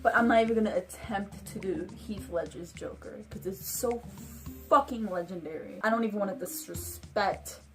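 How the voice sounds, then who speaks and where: A woman's voice: medium pitch, moderate pace, fairly bright tone, soft background music. A woman vlogger chatting casually about doing impressions. She rambles, giggles and pokes fun at herself. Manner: giggly, self-mocking, rambling.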